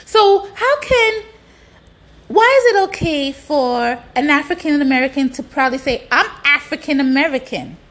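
A woman with a high-pitched, fairly bright voice delivers an opinionated, exasperated monologue in colloquial language. She fires off rhetorical questions and swears frequently.

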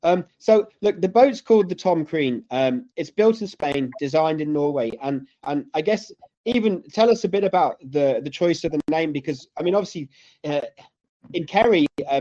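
A man's voice: a little high, mellow. A man interviewing casually, rambling and repeating himself as he forms questions. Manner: rambling, stumbling repetitions. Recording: dull, narrow lo-fi audio.

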